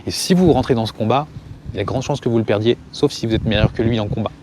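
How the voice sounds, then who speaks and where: A man telling a personal story to camera in a casual way, stopping calmly to give viewers advice. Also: medium pitch, fast, noisy background. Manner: calm, advice-giving aside to viewers. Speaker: family and parenting vlogger.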